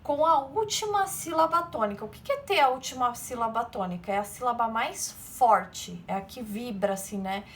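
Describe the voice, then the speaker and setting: Woman teacher doing a recorded lesson, kinda high voice, slight hiss behind. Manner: explains step by step, asking pupils short checks like "né?" and "beleza?". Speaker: English teacher.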